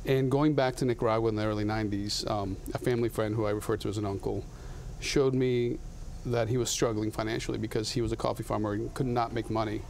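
A man's voice: on the low side, fairly even intonation, fast talker, gravelly, hardly any pauses, a little mellow, slight background noise. A man in his thirties from Latin America, a guest in a TV studio interview, talking earnestly with frequent restarts on a lapel mic. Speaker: guest, coffee company founder.

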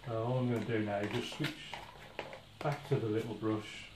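A lower-pitched man talks through his painting in a relaxed, self-critical way, often restarting his sentences as he goes. He sounds like he is in an echoey room, and there is clear background noise behind him. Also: moderate pace. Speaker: watercolour painting instructor. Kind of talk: casual painting demonstration. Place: indoor studio at an easel.

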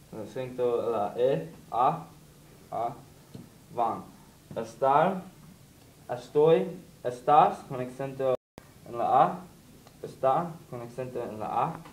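Very slow, halting man in an echoey room. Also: mid-range voice, darkish tone, slight background noise. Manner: halting, spells out verb endings one by one. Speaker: student presenting a lesson. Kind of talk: slow recited grammar lesson. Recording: echoey room, mic far off.

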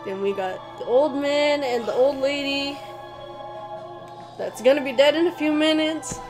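Young woman, fairly high voice, excitable let's-play chatter with game music underneath. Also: a little slow, low-quality recording. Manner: excitable, swearing, bursts of laughter. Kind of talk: casual chat while playing a visual novel. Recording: music playing behind.

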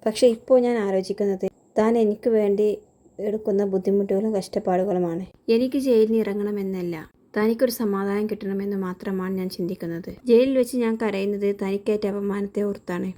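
A woman's voice: mid-range voice, steady tone, fairly quick, mellow. A woman host casually retelling a TV serial episode, reading the characters' dialogue in her own voice.

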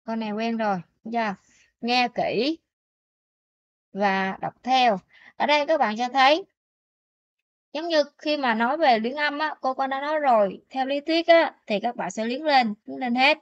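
A woman teacher explaining pronunciation rules in a language lesson, often checking in with her students with quick questions. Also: high-pitched, no echo, dull audio.

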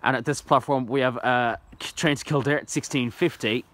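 A young Irish vlogger narrates his trainspotting from an outdoor platform in a brisk, steady, mid-range voice that's a bit bright. He holds the phone camera himself, and his eager, casual narration rambles with frequent ums and restarts.

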